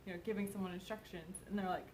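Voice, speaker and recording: A woman's voice: mid-range voice, fairly even intonation, racing, a little mellow, slight background noise, poor audio. A young woman from Kentucky with a faintly Southern accent, co-hosting and rambling through casual explanations. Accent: mild Kentucky Southern. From Kentucky, USA. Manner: rambling, filler-heavy. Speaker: co-host. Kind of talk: casual chat.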